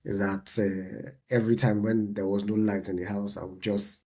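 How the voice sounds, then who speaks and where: Man, 30s, mellow low voice, easygoing podcast co-host. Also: moderate pace, husky. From Nigeria. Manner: relaxed, chatty, says "man" often. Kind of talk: casual chat.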